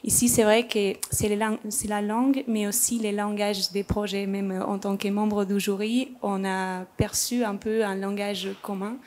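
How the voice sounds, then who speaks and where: A woman from Madrid speaks French at a panel, stopping often to search for words. Her pitch sits in the middle and stays flat. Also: moderate pace, hardly any pauses. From Spain, Madrid. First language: Spanish. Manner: hesitant, searching for words, many fillers. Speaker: architect, panel guest. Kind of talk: panel discussion.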